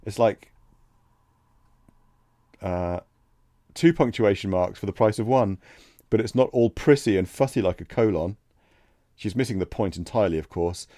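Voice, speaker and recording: A man streaming a text adventure, reading the game text aloud and thinking out loud between passages. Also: fairly low pitch, moderate pace, long pauses, no room sound, clean studio sound. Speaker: let's play streamer.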